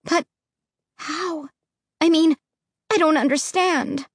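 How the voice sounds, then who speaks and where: A woman's voice: high-pitched, slow, no echo, studio quality, pitched above the performer's own voice. Woman doing a terrified young girl. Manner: frightened, pleading cries.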